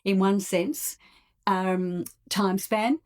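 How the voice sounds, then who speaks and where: A middle-aged woman with an Australian accent, a couples coach hosting a solo podcast, explaining her ideas in a measured, steady way. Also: mid-range voice. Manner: measured, explanatory, with occasional soft laughs and fillers.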